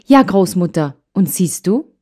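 A woman's voice: lowish voice, unhurried. A stubborn, hot-tempered little girl, as a woman reads her. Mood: eager. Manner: excited, pleading, tearful outbursts. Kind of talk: audiobook character voice.

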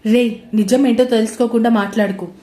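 A woman's voice: on the high side, fairly even intonation, a little fast, mellow, natural voice. A woman voicing a caring, troubled young man who speaks earnestly, in a roomy-sounding recording. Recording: roomy echo.

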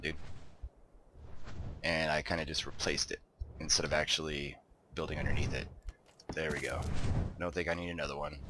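A gaming video host with a low-sitting voice casually comments as he plays and builds in a game, relaxed and chatty, talking to himself. He sounds a little congested and stuffed-up. There is a slight hiss or hum.

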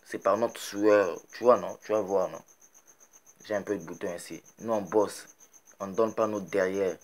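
An angry man delivers a scolding rant straight to camera. His voice sits fairly low, and he keeps hammering the same rhetorical questions at the person he is addressing. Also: steady tone, moderate pace. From Democratic Republic of the Congo. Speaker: musician addressing a rival.

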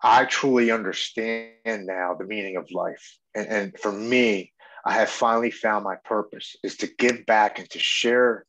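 Male guest, forties, lowish voice, earnest and reflective, heartfelt storytelling. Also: fairly even intonation, measured pace, fairly bright tone, slight background noise. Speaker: podcast guest in recovery.

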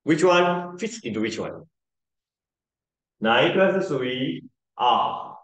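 Man, pronunciation tutor, slow patient delivery, drawn-out vowels, echoey room. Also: mid-range voice, lively intonation, fairly bright tone. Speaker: English pronunciation teacher. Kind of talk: tutoring lesson, mixing Mandarin and English.

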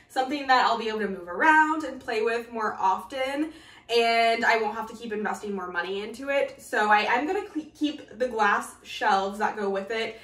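A woman's voice: on the high side, bright, forceful tone. Young woman vlogging in an echoing bathroom. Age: young adult. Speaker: vlogger, channel host. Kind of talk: casual chatty vlog to camera. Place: small tiled bathroom, indoors. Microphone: camera a few feet away. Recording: echoey bathroom, distant mic.

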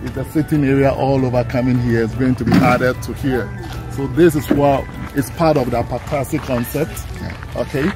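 A man's voice: medium pitch, fairly even intonation, normal speed. A middle-aged man with a Ghanaian accent giving a casual walk-through as the owner, often tagging phrases with "right?". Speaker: hotel owner showing a site. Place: outdoors on an open hotel building site. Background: loud music.

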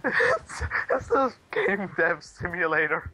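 A man's voice: high voice, wildly swooping pitch, slow, vocal fry, sharp tone, no room sound, poor audio. A young man joking around as co-host of a casual gaming chat. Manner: joking, playful.

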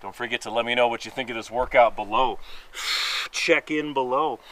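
This fitness instructor talks briskly in a medium-pitched, slightly nasal voice while exercising outdoors on a wooden deck among pine trees. He energetically counts reps and makes joking asides, with slight background noise.

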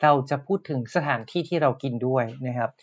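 A man teaching Japanese words in a podcast lesson, explaining patiently and repeating each word slowly. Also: mid-range voice, muffled recording.

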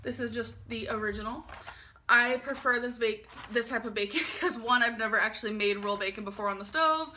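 A woman's voice: a little high, a little fast, sharp tone, a little hiss or hum. A woman in her twenties chatting casually through a grocery haul in her home kitchen late at night, tired and giggly. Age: 20s. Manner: chatty, giggly, talks while unpacking items. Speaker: vlogger.

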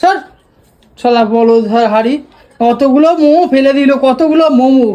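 A woman's voice: sits high, normal speed, mellow, highs cut off. A woman scolding her younger sister in a casual family vlog, exasperated and nagging with questions.

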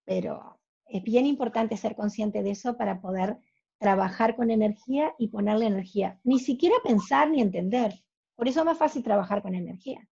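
A woman's voice: mid-range voice, fairly quick, vocal fry, mellow, breathy edge. A woman in her sixties with a Rioplatense Spanish accent, hosting a coaching video call in a direct, encouraging way through a headset from her home office. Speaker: host and mentor. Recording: dull lo-fi call audio.

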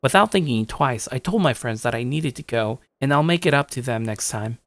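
With a medium-pitched, expressive voice that moves fairly quickly and sounds a bit bright, a young man speaks without any room sound. He serves as narrator and lead, playing a shy, mildly cocky gamer who recounts his day in a casual, musing, upbeat way, anime audio-drama style. Music runs behind his dry studio voice.

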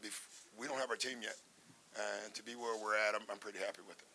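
An older man speaks as a basketball coach at a postgame press conference, relaxed and measured, leaning on fillers and restarts. His voice sits fairly low yet carries a bright, present edge. A faint hiss runs under the table-mic recording. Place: press room in front of a sponsor backdrop. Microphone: table microphone in front of him.

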